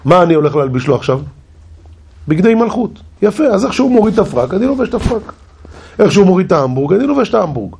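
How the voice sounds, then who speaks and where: Man voicing scheming male adviser, husky, lively pitch, fast wheedling talk, comic storytelling. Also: heavily acted. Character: scheming, panicky royal adviser Haman, male.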